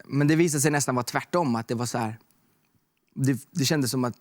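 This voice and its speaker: A man's voice: medium pitch, no room sound. Young male guest, loose and chatty, fills his talk with filler words, dry close sound. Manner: relaxed storytelling with fillers like "liksom" and "typ". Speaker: guest artist. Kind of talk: casual chat.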